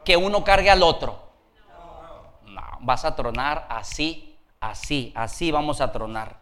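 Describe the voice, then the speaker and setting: A male pastor preaches a sermon with a bright, fairly high voice. He works the congregation with call-outs and keeps a playful, laughing tone. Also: measured pace. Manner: lively, calls out to the congregation for responses.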